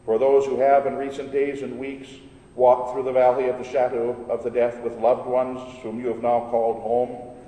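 A man leading liturgical prayers in a measured, solemn way, his voice ringing with a cathedral echo. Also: flat delivery, dark tone. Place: large church. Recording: echoey hall with long reverb, faint rumble.

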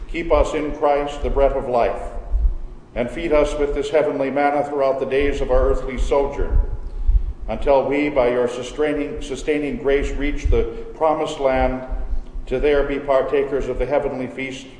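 A man leading a communion service as pastor, praying in a slow, measured, reverent way, his voice ringing with cathedral echo. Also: mid-range voice, fairly even intonation, darkish tone, slight background noise. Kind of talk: solemn liturgical prayer. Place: large church sanctuary. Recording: echoey church hall with long reverb.

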